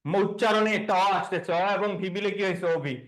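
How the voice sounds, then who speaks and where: A man's voice: high-pitched, quick pace, fairly bright tone, low-quality recording. A man teaching a classroom grammar lesson, quizzing students and repeating key words. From Bangladesh.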